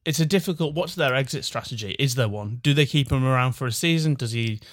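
A man's voice: medium pitch, fast, no echo, clean studio sound. A man hosting a podcast in casual chat, with a wry, bantering manner. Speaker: podcast host.

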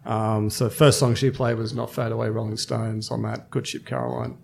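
A man's voice: fairly low pitch, little pitch movement, normal speed, gravelly, a little mellow. A man of fifty, a brewery co-founder, chatting casually as a guest and thinking aloud with many fillers. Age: 50s. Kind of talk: casual interview chat.

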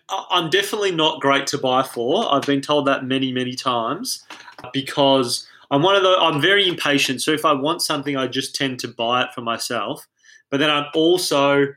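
A man and podcast guest telling stories about himself in an animated, self-deprecating casual chat. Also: a little high.

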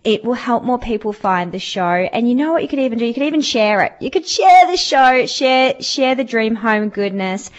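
A woman's voice: a little high, a little fast, hardly any pauses, lo-fi sound. A woman with an Australian accent hosting a radio show, chatty and bubbly as she thanks her guest and listeners. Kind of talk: casual radio chat.

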